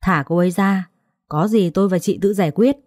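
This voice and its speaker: A woman's voice: medium pitch, brisk, a little mellow, no room sound, studio quality, close to an everyday voice. A woman voicing a desperate young husband who speaks in a firm, strained way. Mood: tense.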